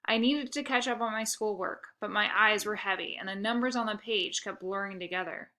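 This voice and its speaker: A woman with a mid-range voice narrates a children's book briskly, telling the story expressively in the first person.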